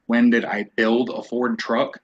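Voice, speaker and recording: A man's voice: medium pitch, flat delivery, a little slow. A man testifying in a divorce hearing, guarded and evasive, heard through a courtroom recording. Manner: guarded, evasive, repeats that he doesn't recall. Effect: courtroom recording played back on a stream. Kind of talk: testimony under questioning. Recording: dull lo-fi courtroom audio.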